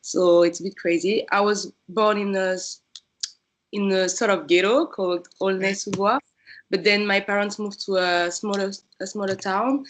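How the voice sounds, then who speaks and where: A woman from France, a dance instructor answering interview questions in a soft-spoken, unhurried way. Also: mid-range voice, fairly even intonation, a little hiss or hum, poor audio. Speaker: dance instructor, podcast guest.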